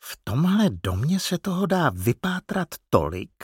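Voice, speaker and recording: A bright, eager young mongoose from a storybook, as a man puts him on, talking in a raised, lively voice full of curiosity. The recording is close and dry, with no room sound. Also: on the high side, breathy edge, no echo, voice pushed up, heavily acted. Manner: eager, inquisitive.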